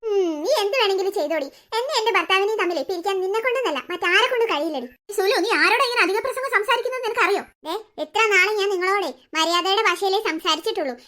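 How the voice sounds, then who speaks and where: A fiery middle-aged cartoon wife and mother, voiced by a woman, sharp and confrontational. Her voice is very high and bright, and she talks quickly. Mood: furious. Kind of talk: cartoon dubbing.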